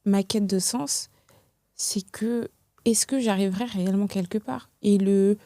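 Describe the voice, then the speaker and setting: A young woman from France, a podcast guest talking in a reflective, hesitant way with many pauses and restarts. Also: medium pitch, fairly even intonation, warm tone, dry recording, studio quality. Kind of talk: casual podcast conversation.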